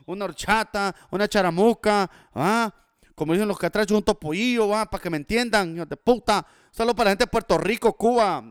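A man's voice: high voice, smooth, dry recording, studio quality. A man with a Salvadoran Spanish accent chatting casually and festively as a music show host, slangy and sweary, urging listeners on with tag questions.

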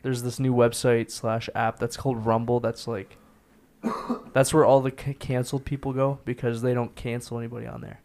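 A man's voice: mid-range voice, little pitch movement, normal speed, gravelly, darkish tone. A man co-hosting a casual podcast, making his points in an earnest, insistent way. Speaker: podcast co-host.

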